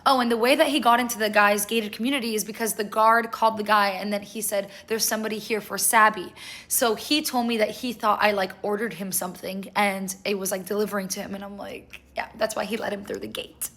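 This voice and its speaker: A young woman casually telling a story to her viewers, chatty and animated, with lots of "like". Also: medium pitch. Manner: chatty, animated, fast-paced retelling with lots of "like". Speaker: vlogger.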